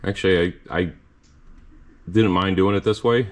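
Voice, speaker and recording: A man hosting a casual garage vlog, tired and losing his voice from a cough, talking slowly with halting restarts and fillers. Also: low voice, fairly even intonation. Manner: slow, halting, trailing off with many fillers. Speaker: home mechanic and channel host. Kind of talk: casual workshop vlog narration. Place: home garage.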